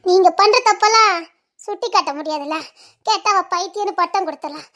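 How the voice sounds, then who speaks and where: An actress voices a grieving young mother who has lost her child, her voice pitched very high and shrill. She has a Tirunelveli Tamil accent, and she breaks into bitter, tearful laughter and shouting as she accuses the people around her. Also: fairly quick. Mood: bitter, accusing. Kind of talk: emotional web drama acting.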